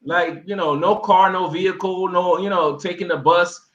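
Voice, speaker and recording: This Miami travel YouTuber, interviewed as a guest, recounts his experiences in a casual, wandering way, often restarting and using fillers. His voice is high, steady and fairly bright at a moderate pace, and the recording sounds dull.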